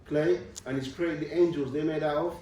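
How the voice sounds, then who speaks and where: In an echo-filled university lecture room, a young man visiting as an Islamic speaker lectures students on religion at a moderate pace. His mellow voice is fairly high with fairly even intonation, and he goes step by step with frequent "okay" check-ins. The distant mic adds slight background noise.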